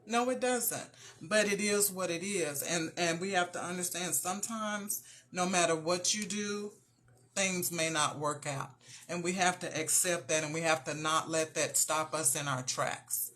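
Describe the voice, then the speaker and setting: A woman's voice: fairly low pitch, unhurried, a bit bright. A woman hosting a show, giving an earnest, encouraging faith-based talk and speaking straight to her listeners. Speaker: motivational show host.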